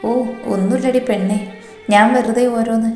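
A woman's voice: a little high, fairly even intonation, normal speed, darkish tone, lightly acted. A woman voicing a cocky young husband, tender with his wife and swaggering toward his enemies. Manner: teasing, swaggering. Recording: roomy echo, faint music.

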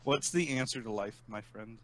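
A man's voice: mid-range voice, normal speed, fairly bright tone, low-quality recording. A young man chatting casually over a game with teasing, sweary banter. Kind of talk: casual chat while gaming.

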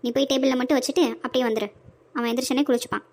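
A woman's voice: high voice, fairly even intonation, racing, heavy background noise. A woman voicing a young wife and mother in a cartoon, bossy but sweet, chirpy and scolding.

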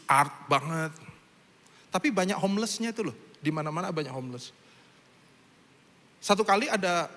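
Man pastor, high and lively, bright sharp tone, acts out scenes loudly, church hall reverb. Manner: animated, acts out characters with loud vocal bursts. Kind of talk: sermon with storytelling.

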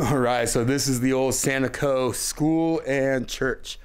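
A man's voice: medium pitch, fairly even intonation, slow pace. A man in his thirties chatting casually to a handheld camera, slangy and full of wonder, as he explores. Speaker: vlogger exploring abandoned buildings. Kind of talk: casual exploration vlog chat. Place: outdoors and inside derelict empty buildings. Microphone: camera held at arm's length. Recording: clear background noise, handheld camera.

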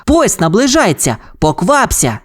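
A woman's voice: medium pitch, wildly swooping pitch, unhurried, husky, voice pushed up, exaggerated voice. A woman voicing a brave young boy who leads a team of rescue pups, giving upbeat, commanding calls. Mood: eager. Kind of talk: children's audio fairy tale.

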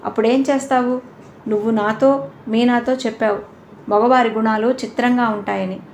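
A frank young woman in a spoken storybook who talks to her friend plainly and firmly, lecturing without softening her words, as a woman reader voices her. Her voice sits fairly high. A faint hiss lies under it. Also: fairly even intonation, normal speed, close to an everyday voice. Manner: blunt, lecturing.

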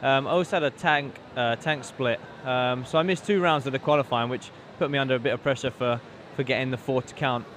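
A man's voice: medium pitch, fairly quick, a bit bright, a little hiss or hum. A man, a racing driver, answering in an event hall with many ums. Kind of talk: interview answers. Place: large indoor event hall.

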